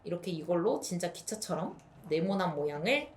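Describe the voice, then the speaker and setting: A young woman teaching parents play activities for small children, switching into a bright sing-song voice when acting out what to say to a child. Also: fairly low pitch, very animated, fairly quick, a little hiss or hum. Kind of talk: instructional video for parents.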